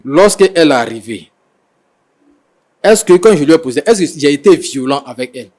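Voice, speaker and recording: A young man, a husband, defending himself in a halting way that keeps circling back to the same points. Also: fairly high pitch, lively intonation, a little mellow. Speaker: husband being mediated. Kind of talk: defensive explanation on a mediation show.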